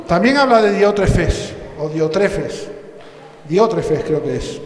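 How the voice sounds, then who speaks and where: A Spanish pastor with a high, expressive voice preaches slowly in a church hall, telling funny stories, adding jokey asides, and acting out the dialogue himself. The hall is echoey with a long reverb, and there's slight background noise.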